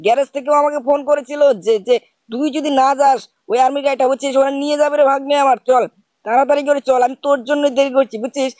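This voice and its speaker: Gamer guy, quick high chatter, nagging uncle bit, dry close mic. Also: fairly even intonation, a little mellow, dry recording. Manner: scolding, repeats "bujhchhis?". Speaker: gaming channel host. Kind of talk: playful commentary over gameplay, playing the uncle.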